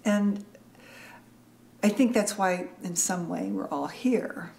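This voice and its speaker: A woman speaking slowly and deliberately in an interview. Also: mid-range voice, vocal fry, darkish tone, slight background noise. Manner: slow and deliberate. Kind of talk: reflective interview.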